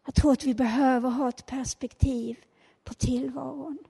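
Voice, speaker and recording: A woman preacher delivering a passionate sermon, swinging between soft murmurs and loud, fervent declarations. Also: sits high, steady tone, vocal fry, husky. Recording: long hall reverb.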